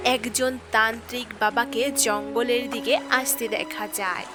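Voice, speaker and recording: A woman's voice: fairly high pitch, steady tone, unhurried. A woman reading scripted narration for a children's cartoon story. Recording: loud music under narration.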